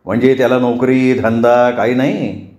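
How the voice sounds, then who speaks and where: Guy doing a strict dad grilling his daughter, slow, holds his temper, mellow voice. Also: medium pitch, steady tone, natural voice. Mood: interrogating. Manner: slow, controlled, probing questions. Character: stern but restrained middle-aged father. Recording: roomy, dull lo-fi recording.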